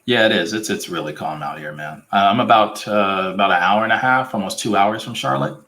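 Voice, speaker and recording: A deep-voiced man in a relaxed call, speaking low in pitch with an easygoing, laid-back manner. He answers and backs up the other speaker with frequent easy agreement. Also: fairly quick, poor audio. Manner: laid-back, repeats yeah. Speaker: guest. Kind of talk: casual chat.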